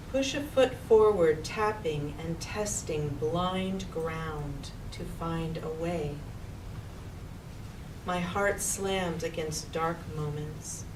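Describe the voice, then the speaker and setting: A woman with a lowish voice recites her own poem very slowly at a live reading in a public library reading room. The distant mic picks up an echoey room and a noisy background.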